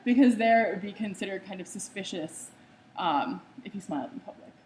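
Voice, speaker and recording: A young American artist gives a slide presentation on her artwork, chatting loosely and briskly with lots of ums and uhs. Her middle-pitched voice has a darkish tone and lively intonation. The recording is low quality, with a faint hiss running underneath.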